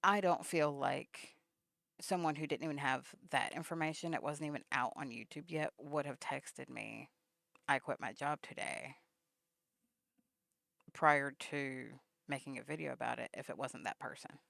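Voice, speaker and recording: A woman's voice: a bass voice, unhurried, vocal fry, a bit bright, dry recording, studio quality. A woman vlogger telling a story in a casual, rambling way, full of fillers, acting out remembered text exchanges. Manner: rambling, many fillers, acts out remembered texts.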